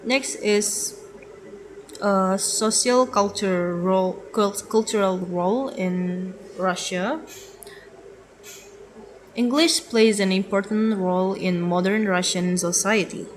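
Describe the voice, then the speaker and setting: A young woman reads through a class slide presentation at a slow, careful pace. She hesitates often, restarting words and filling gaps with "uh". Faint noise sits under her voice. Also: medium pitch, low-quality recording. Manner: hesitant, with fillers and self-corrections. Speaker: student presenter.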